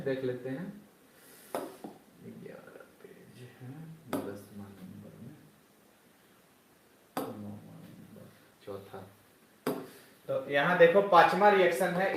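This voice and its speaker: Guy teaching chemistry online, highish voice, makes the kids shout stuff back, scolds them a bit. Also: noisy background. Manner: loud call-and-response drilling, chiding students. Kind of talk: online class lecture.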